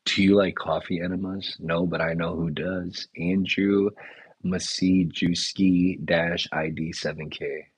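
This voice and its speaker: Indoors, a chef and restaurant owner hosts a casual live chat, reading viewer comments aloud and riffing on them in a laid-back way. He speaks a little slowly in a low, husky voice with little pitch movement. The audio is poor, with no room sound.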